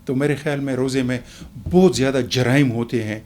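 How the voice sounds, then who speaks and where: A man, a guest on a talk program, explaining calmly in a measured, lecturing way with everyday examples. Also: medium pitch. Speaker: expert guest. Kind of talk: explanatory talk show answer.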